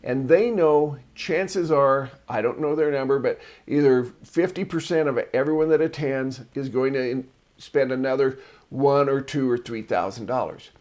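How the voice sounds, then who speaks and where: Male host of a marketing show with a mid-pitched voice, chatty and digressive, casual solo talk with personal anecdotes. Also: normal speed, darkish tone.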